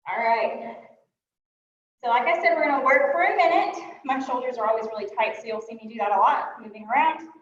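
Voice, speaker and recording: A woman's voice: fairly high pitch, fairly quick. A woman fitness instructor cueing a workout class, talking while she moves and sounding a little winded, with frequent fillers. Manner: talks while moving and exercising. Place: fitness studio. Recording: echoey room, distant mic, dull sound.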